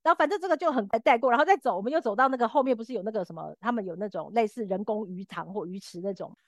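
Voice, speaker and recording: A woman's voice: a little high, racing, no echo, studio quality. A woman co-hosting a podcast, telling a story animatedly and acting out the quoted lines. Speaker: podcast co-host. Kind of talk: casual storytelling chat.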